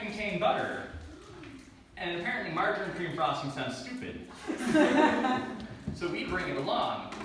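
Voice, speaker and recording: A young man tells stories in a stand-up set, his high voice swinging widely as he drops into playful voiced asides. He sounds set back from the mic, in a very echoey room. Audience noise carries clearly behind him. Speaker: stand-up comedian. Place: live comedy venue with audience. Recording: distant roomy live recording, audience noise.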